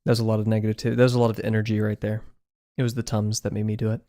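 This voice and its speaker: Speaking rapid-fire in a warm, fairly low voice with little pitch movement, a young man chats on a live stream as he draws. He rambles, laughs often and makes fun of himself, all from an apartment room covered in acoustic foam.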